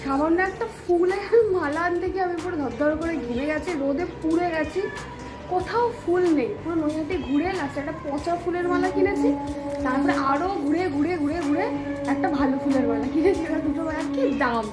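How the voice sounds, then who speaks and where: High-pitched, fast-talking young Bengali woman. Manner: chatty, talks while doing her makeup. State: tired. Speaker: vlogger. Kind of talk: casual vlog chat. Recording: music playing underneath.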